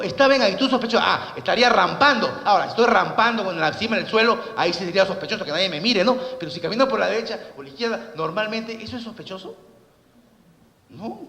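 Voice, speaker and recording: A man's voice: sits high, fairly bright tone. A man giving a law lecture, telling stories with sound effects and many rhetorical questions. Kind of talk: lively lecture with anecdotes. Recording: echoey hall recording.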